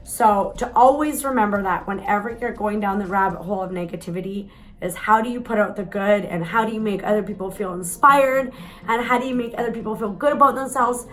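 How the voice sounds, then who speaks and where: A woman's voice: medium pitch, brisk, a bit bright, soft background music, low-quality recording. A woman, telling a candid, chatty story to the camera, with some mild swearing. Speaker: vlogger.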